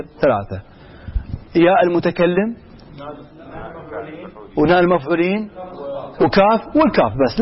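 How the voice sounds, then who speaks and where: A man's voice: high voice, breathy edge, dull audio. A man teaching grammar in a classroom, quizzing his students and repeating example after example. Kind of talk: classroom lesson.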